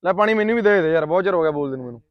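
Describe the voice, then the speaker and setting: A man's voice: high-pitched, lively intonation, very fast, no echo, dull audio. A man with a Punjabi accent hosting a casual outdoor vlog, boisterously calling out commands and bantering. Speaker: vlog host. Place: outdoors in an open field.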